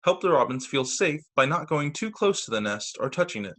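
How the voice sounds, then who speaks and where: A man with a slightly high voice reads picture books to children as their teacher, briskly and expressively, over a video call. He acts out the quoted lines and drops casual asides about the pictures.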